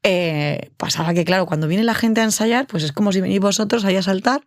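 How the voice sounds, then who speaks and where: A woman, talking as a podcast guest in a relaxed chat full of fillers. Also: medium pitch, fairly quick, no room sound, studio quality. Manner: chatty, full of fillers like "tal".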